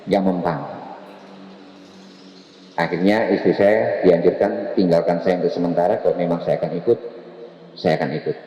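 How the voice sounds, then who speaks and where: A middle-aged man giving a lively spoken testimony in a mosque, telling his story and taking on the voices of the people in it. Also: deep voice, normal speed, pauses often. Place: large mosque hall. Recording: echoey hall reverb.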